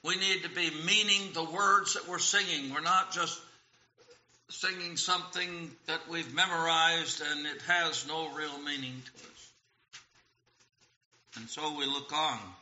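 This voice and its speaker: Slow bright-voiced preacher guy quoting hymns, echoey church, kinda muffled recording. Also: fairly high pitch, fairly even intonation. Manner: slow, deliberate delivery, quoting hymns and scripture. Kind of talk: sermon on hymn lyrics. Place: church sanctuary. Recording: roomy, dull lo-fi church recording.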